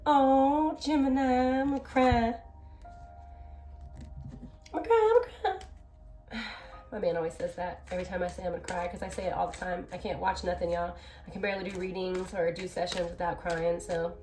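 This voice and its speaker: A woman giving a chatty tarot reading, talking straight to her viewers. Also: a little high. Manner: chatty, addresses viewers directly. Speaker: tarot reader.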